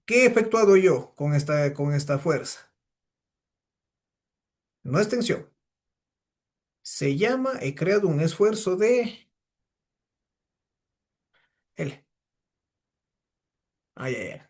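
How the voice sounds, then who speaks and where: A man's voice: high-pitched, animated, slow, long pauses. A man teaching a physics class, lecturing and firing questions at his students. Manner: asks the class many rhetorical questions.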